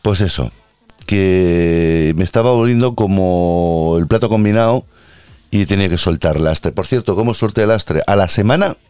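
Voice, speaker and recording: Crude, rambling low-voiced man. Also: normal speed, dark tone, clean tone, no room sound, soft background music. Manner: crude, rambling, self-mocking. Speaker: host. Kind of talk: comic personal monologue.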